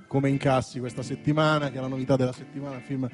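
A man's voice: medium pitch, little pitch movement, fast, faint music behind. A man giving enthusiastic, self-mocking film commentary in a casual radio studio chat.

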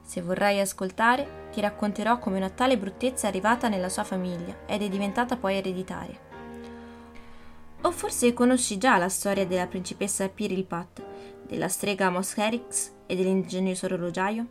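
A woman voicing an odd, teasing old godfather who chants a croaky, flat rhyme in a storybook reading. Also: medium pitch, normal speed, soft background music, natural voice. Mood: wry.

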